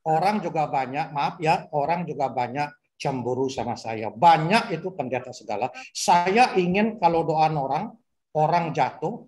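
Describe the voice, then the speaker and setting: A man's voice: a little high, animated, moderate pace, darkish tone. A man who is a minister in a church talk, speaking emphatically and repeating his points.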